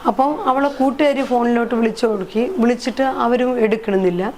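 A middle-aged woman gives an emotional account of her son in an interview. She talks in a halting way, repeats herself and trails off. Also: on the high side, a little mellow, slight background noise. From Kerala, India. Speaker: interviewee, mother.

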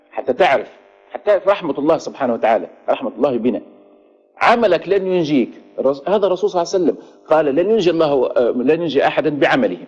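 A man's voice: medium pitch, a little mellow, breathy edge. A man with a Libyan Arabic accent giving a religious lesson as a preacher, in conversational preaching style with rhetorical questions. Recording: dull lo-fi recording.

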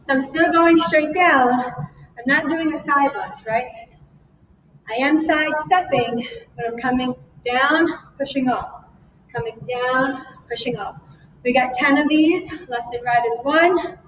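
A woman's voice: high-pitched, takes it slowly, fairly bright tone, a little hiss or hum. A woman fitness instructor leading a live workout, encouraging the class and counting reps while she exercises, a little out of breath. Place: fitness studio, indoors. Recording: echoey, distant, slightly dull room sound.

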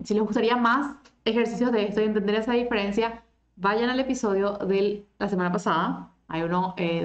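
A woman teaching German in an online lesson. She reads German lines slowly and clearly, then explains them in Spanish. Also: mid-range voice, reverberant, muffled recording.

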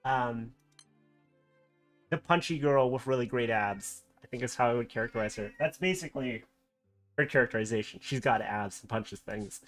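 Excitable streamer swearing at the game. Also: medium pitch, moderate pace, soft background music. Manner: excitable, swears often, laughs at own mistakes. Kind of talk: live gameplay commentary. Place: at home with a cat nearby.

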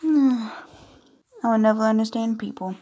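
A gaming video creator with a fairly high, mellow voice gives casual, playful commentary, reading on-screen dialogue aloud and adding chatty, amused asides. She speaks a little slowly, and the audio sounds dull.

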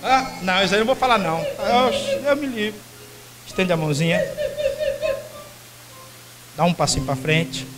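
A man with a fairly high voice leads a prophetic ministry at the altar of a church, issuing firm directions to helpers and to a woman. Loud music plays under his voice throughout the live recording. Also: very animated, low-quality recording. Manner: commanding, gives quick orders to helpers and a woman. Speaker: pastor. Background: music playing.

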